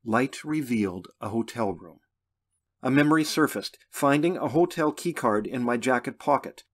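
A man's voice: medium pitch, animated. Man narrating his own novel. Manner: measured, plain storytelling. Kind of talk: first-person audiobook narration.

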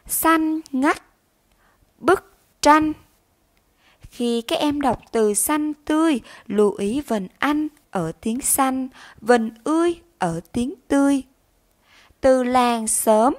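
A woman teacher giving a recorded reading lesson to young children, pronouncing each word and syllable slowly and carefully. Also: a little high. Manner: slow, careful enunciation of words and syllables. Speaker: primary school teacher.

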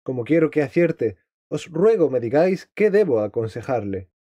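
A man voicing a nobleman who asks his counselor for advice, in a measured, formal storybook reading. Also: mid-range voice, big pitch swings, warm tone, dry recording. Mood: concerned. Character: count seeking advice, male nobleman. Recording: dry, slightly dull lo-fi.

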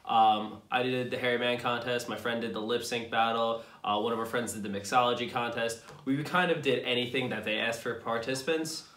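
A man's voice: mid-range voice, fairly quick, few pauses. A young man co-hosting a vlog, casually telling a story to camera with easy laughter, seated in a small room. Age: young adult. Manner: relaxed storytelling, laughs often. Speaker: vlog co-host. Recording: echoey room.

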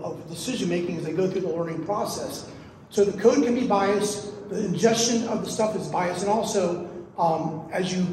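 A man's voice: sits high, a little mellow, a little hiss or hum. A man speaking as a panelist in a conference discussion, explaining things and repeating words while he searches for them. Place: conference room. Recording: echoey conference hall.

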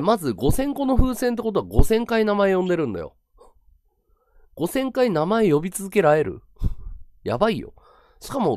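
A man casually chatting with his viewers on a livestream, with rough slangy talk that swings between excited bursts and low mumbled asides. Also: dry recording, clean studio sound. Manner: rough slangy talk, repeats words for emphasis. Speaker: live streamer.

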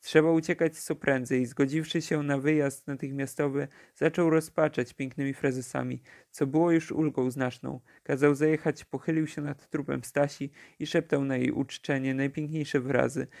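A man narrating a classic novella for an audiobook, in a steady, measured reading. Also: mid-range voice, vocal fry. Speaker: audiobook reader.

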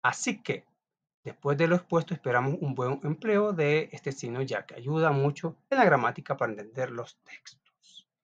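A man teaches a class, reading from his notes in a chatty way, with frequent restarts and small asides. His voice is mid-range and he speaks at normal speed. The recording is dull and lo-fi.

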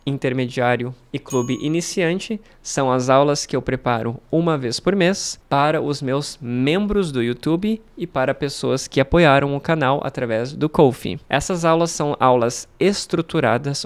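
A Brazilian language teacher in his thirties hosts his own channel, talking animatedly to camera from a room at home in a casual talking-head vlog. His medium-pitched voice is clean and moves at a moderate pace with few pauses, as he gestures with both hands and laughs between phrases. A studio mic on a stand is visible in frame.

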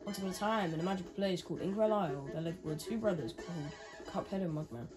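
A woman's voice: fairly low pitch, fast. Woman gamer reading cutscenes aloud, music behind. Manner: animated, jokey asides to the story. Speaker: gaming YouTuber. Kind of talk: reading game story aloud with commentary. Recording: game music playing behind. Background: game music.

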